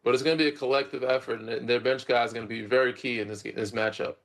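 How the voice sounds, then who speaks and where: A man on a basketball panel talks fast and easily, in a casual, friendly manner. His voice sits in a middle range and is picked up from a little way off. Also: mid-range voice, fairly even intonation, fairly bright tone.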